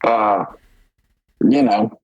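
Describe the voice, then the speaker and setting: Talking extremely slowly in a low voice, this thirty-year-old man co-hosts a podcast, rambling casually and leaning heavily on fillers. The sound is lo-fi, with a crowd audible behind him.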